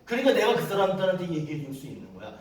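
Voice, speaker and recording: A middle-aged male pastor telling stories in a conversational sermon, sometimes shouting quoted lines. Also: high-pitched, huge pitch swings, very fast. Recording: echoey room from a distance.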